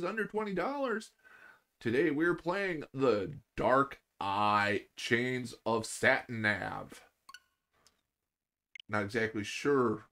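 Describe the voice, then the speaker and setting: Goofy dad with a gravelly, slow delivery. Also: male voice, medium pitch, a bit bright. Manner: goofy, jokey, reads on-screen text aloud. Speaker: gaming show host. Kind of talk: casual let's-play commentary.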